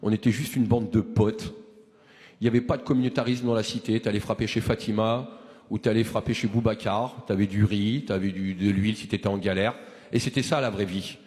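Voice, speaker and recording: In a large hall, a forties-aged activist delivers a rousing, impassioned speech to a movement, with many restarts and rhetorical questions. His lowish, darkish voice is a little fast, with fairly even intonation.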